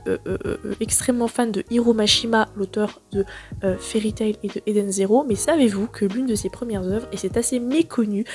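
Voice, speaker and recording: A woman in her twenties hosting a casual, slangy chat about new manga releases, full of fillers and excitement. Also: mid-range voice. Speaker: manga booktuber host.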